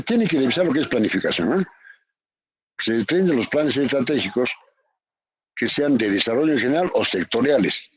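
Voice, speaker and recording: A man's voice: mid-range voice, slightly rough, no room sound. A man from Peru, a university economics professor teaching a virtual class, who repeats his definitions and keeps asking "no?" and "ya?" of his students. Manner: calls on students by name, repeats definitions with tag questions. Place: home, online class. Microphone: computer mic on a video call.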